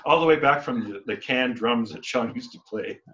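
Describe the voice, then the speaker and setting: A man's voice: mid-range voice, moderate pace, sharp tone. A man, a band member, chatting in an interview, rambling with many restarts and acting out quoted exchanges. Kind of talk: casual interview talk. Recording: dull lo-fi recording.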